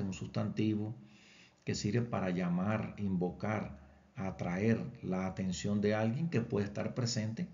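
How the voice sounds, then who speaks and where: Male Bible teacher, mellow low voice, methodical lecture delivery, muffled recording. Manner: patient, repeats points with examples. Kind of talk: explanatory lecture.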